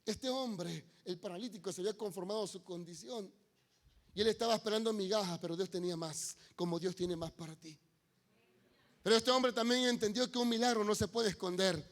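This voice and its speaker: A man's voice: high-pitched, fairly quick. A male pastor giving an emphatic sermon in church, with folksy asides. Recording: long reverb of a church hall.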